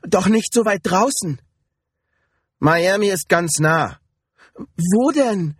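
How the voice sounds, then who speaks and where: Man playing a frightened mother, high strained voice, pleading, panicked, audiobook. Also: expressive, measured pace, slightly rough, dry recording, studio quality, heavily acted. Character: desperate frightened mother on a boat.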